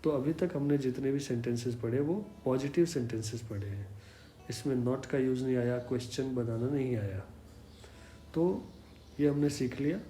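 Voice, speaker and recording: A man teaching an English class in a slow, explanatory way, patiently repeating each example. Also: mid-range voice, warm tone, soft background music. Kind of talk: slow explanatory language lesson. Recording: echoey room with faint hum.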